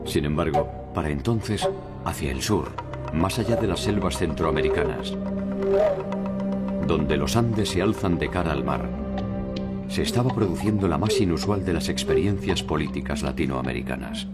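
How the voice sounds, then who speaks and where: Male narrator, very low voice, solemn documentary read over a music bed. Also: animated, moderate pace. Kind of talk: scripted narration.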